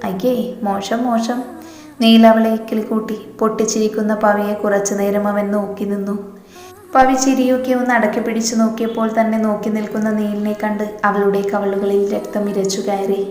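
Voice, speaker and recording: Woman storyteller reading a romance, evenly paced and level in tone. Her voice stays flat, with little rise and fall. It rings in a roomy space with a long trailing reverb. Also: medium pitch, a little fast. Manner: steady, even reading. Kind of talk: scripted narration of a romance story. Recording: echoey room with long reverb.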